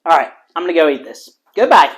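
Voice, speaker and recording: Excitable man hosting a cooking vlog. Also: fairly high pitch, quick pace, heavy background noise. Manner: energetic and jokey, exclaims while tasting; calm, steady instruction in voice-over. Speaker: cooking show host. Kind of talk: cooking vlog, narrating recipe and tasting.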